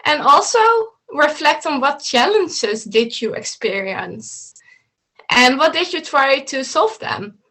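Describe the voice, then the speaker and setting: This is a coach with a high-pitched, sharp-toned voice, animated yet slow, teaching students from a home room with bookshelves. She explains slides in an online meeting via video call, talking steadily and instructively with occasional slips and restarts.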